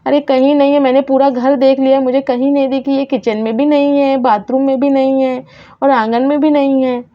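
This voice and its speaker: A woman's voice: high-pitched, little pitch movement, a little fast, natural voice. Woman doing a frantic, tearful young mother. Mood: anxious. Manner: pleading, tearful. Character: worried young mother searching for her daughter. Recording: dull lo-fi sound.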